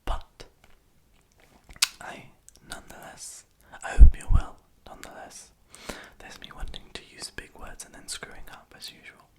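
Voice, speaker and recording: A young adult speaking in a soft, breathy, unvoiced whisper, rambling hesitantly and self-deprecatingly to the viewer in an ASMR style. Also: unhurried. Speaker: ASMR video creator. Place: small room in a house at night.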